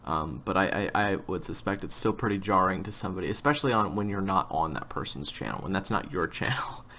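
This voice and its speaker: Frank, low-voiced man chatting casually. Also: fast talker, pushed and bright, slight background noise. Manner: frank, emphatic, blunt. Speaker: writer, voice actor and host of the series. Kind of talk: casual interview chat.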